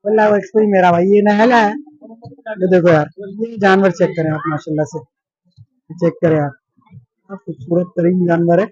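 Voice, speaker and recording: A man with a notably high voice gives a chatty, repetitive walking commentary, joking with the animals and the people around him. The sound is dry and close, with little room around it. It comes across as an unscripted phone vlog. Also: fairly even intonation, normal speed, long pauses, darkish tone, breathy edge, no echo, dull audio. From Pakistan. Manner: chatty, repeats himself, jokes with animals and bystanders. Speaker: vlogger. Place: busy indoor livestock expo hall.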